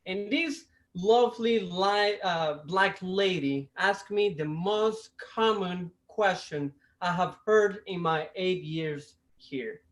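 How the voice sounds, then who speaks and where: A Costa Rican man with a Costa Rican Spanish accent performs stand-up comedy over a video call mic. His voice sits high, and his delivery is deliberate, stopping and restarting, with self-amused laughs.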